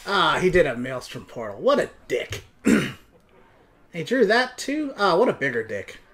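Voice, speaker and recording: A man's voice: on the high side, huge pitch swings, a little slow, background noise. A young man giving casual, slangy live game commentary to viewers, moving between exclaiming and muttering. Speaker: video game streamer. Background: game music.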